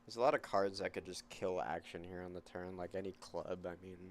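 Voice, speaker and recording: A man's voice: deep voice, steady tone, brisk, a little hiss or hum. A young man co-commentating a live poker game, casual and self-deprecating as he talks through hands. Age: young adult.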